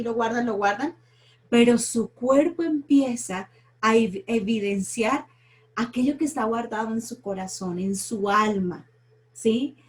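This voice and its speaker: A woman's voice: on the high side, a little mellow. A middle-aged woman teaching a church study seminar, speaking earnestly and personally, often checking in with her listeners.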